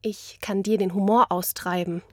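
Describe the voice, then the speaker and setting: A woman's voice: medium pitch, fairly even intonation, moderate pace, a little mellow, no room sound, clean studio sound. A woman performing a spoken-word poetry duet, with dramatic, clipped declamation.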